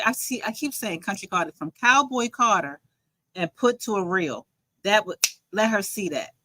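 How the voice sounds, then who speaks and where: A woman's voice: mid-range voice, bright, forceful tone, no room sound, poor audio. A woman casually chatting on her livestream, rambling and reading viewer comments aloud as host. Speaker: livestream host and joy coach.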